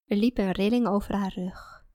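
A woman's voice: mid-range voice, steady tone, normal speed, dark tone, no room sound. Woman reading a first person story, kinda introspective, dry booth sound. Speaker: audiobook narrator. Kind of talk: first-person scripted narration.

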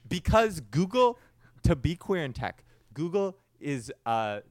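A man's voice: mid-range voice, sing-song, unhurried, darkish tone, dry recording. Rambling, joking man on a podcast. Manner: rambling, self-deprecating, jokey. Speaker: podcast co-host. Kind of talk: casual chat.

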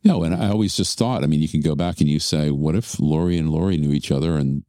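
A man from the United States, a podcast guest talking in a casual, animated way and arguing his point with rhetorical questions. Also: extremely low pitch, fast talker, dry recording, clean studio sound. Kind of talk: casual conversational interview.

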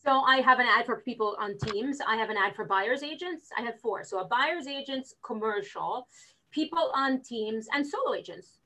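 A woman's voice: fairly high pitch, moderate pace, a little hiss or hum, poor audio. A woman recruiter talking with lots of energy as a guest, acting out conversations as she tells them. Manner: energetic, animated, acts out quotes. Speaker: real estate recruiter, guest. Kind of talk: casual interview chat.

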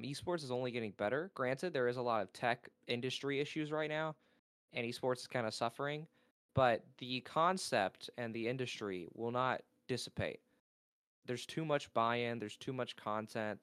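A young adult man from Georgia, a college esports player and caster, rambles excitedly in a casual interview, losing track of what he's saying. His naturally loud voice is medium-pitched and smooth, with no echo.

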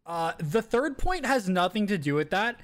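A man's voice: high-pitched, very animated, moderate pace, a bit bright. A man co-hosting a casual chat, reading out and mocking a take in a sarcastic rant. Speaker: podcast co-host.

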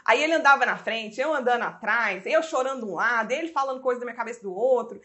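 A woman's voice: on the high side, fast talker. A woman, a guest, telling her story conversationally and acting out the dialogue she quotes. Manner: animated, acts out quoted dialogue.

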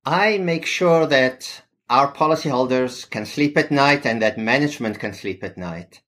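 South African man, fifties, mid-pitched, modest interview answers. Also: a little slow, fairly bright tone. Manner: modest, with occasional hesitations. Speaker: podcast guest.

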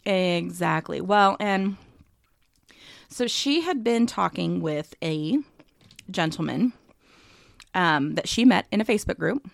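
A woman's voice: fairly low pitch, lively intonation, slow pace, gravelly, no echo, studio quality. A woman co-hosting a podcast in casual chat, talkative, with many fillers. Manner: chatty, filler-heavy, laughs easily. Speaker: podcast co-host.

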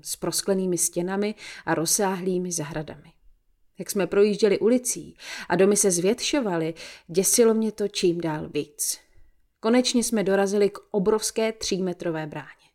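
A woman reading a first-person novel aloud in a measured storytelling voice with a dry, ironic edge. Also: mid-range voice, warm tone. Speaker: audiobook narrator.

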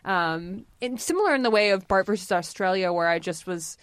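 A woman's voice: mid-range voice, expressive, a little fast, clean tone, no echo, studio quality. A woman co-hosting a podcast in casual chat, talking playfully and laughing often. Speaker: podcast co-host.

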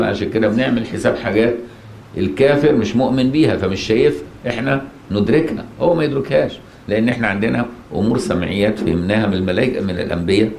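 In a mosque's echoing acoustics over faint background noise, an Egyptian-accented man gives a plain, colloquial religious lesson, checking that listeners follow by asking them questions. His voice sits low, gravelly and a little mellow.

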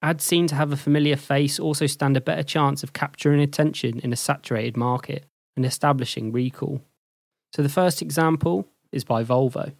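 A man narrating a scripted lesson as host, in a measured, even way. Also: on the high side, gravelly, no room sound, clean studio sound. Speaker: host and lecturer.

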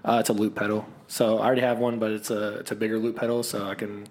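A young man chatting casually on a podcast with friends, relaxed and joking. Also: lowish voice, quick pace. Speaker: podcast co-host. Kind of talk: casual chat.

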